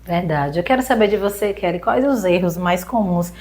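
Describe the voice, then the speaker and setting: Female interviewer, Brazilian accent, lower pitch, conversational. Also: moderate pace, darkish tone. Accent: Brazilian Portuguese. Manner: conversational, asks leading questions. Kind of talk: interview questions.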